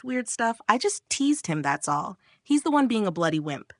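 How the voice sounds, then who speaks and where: A woman's voice: mid-range voice, sing-song, normal speed, a bit bright, no room sound, clean studio sound. Woman doing a smug crude teasing girl. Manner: mocking, crude.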